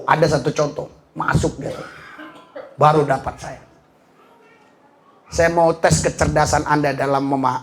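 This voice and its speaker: A man preaching a sermon as pastor, lively and full of laughter and shouted exclamations. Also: sits high.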